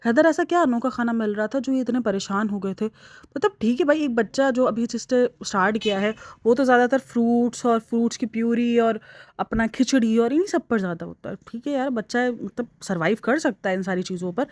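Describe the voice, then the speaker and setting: A young woman comments on online vlogs, chatty, animated, and full of strong opinions. Her voice is slightly high, with no room sound.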